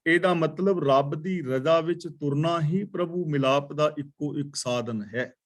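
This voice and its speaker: A man teaching a daily scripture class in Punjabi, chanting verses slowly and then explaining each word. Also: a little high.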